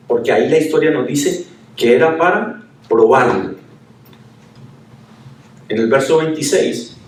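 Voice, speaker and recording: A male pastor preaching a sermon, chatty and full of rhetorical questions. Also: on the high side. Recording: echoey room, from a distance.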